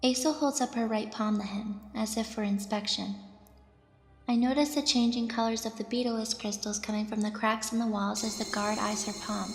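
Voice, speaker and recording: A woman's voice: on the high side, steady tone, normal speed, close to an everyday voice. A woman playing an anxious, deferential young squire, hesitant and stammering, narrating her own thoughts in an audio drama. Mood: uneasy wonder. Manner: hesitant, stammering when addressed. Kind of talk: scripted first-person dramatic narration. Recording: roomy, reverberant, music behind.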